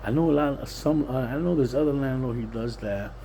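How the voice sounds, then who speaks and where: A Puerto Rican vlogger living in Pennsylvania, USA, talks in a brisk, creaky, dark-toned voice of medium pitch, with a little hiss or hum in the audio. Plain-spoken and streetwise, he delivers a casual monologue that rambles and repeats itself.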